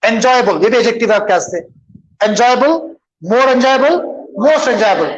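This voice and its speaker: A man with an extremely high, expressive voice teaches an English grammar lesson, switching between English and Hindustani and answering his own questions in this bilingual classroom lesson. He speaks a little slowly, and the sound is lo-fi.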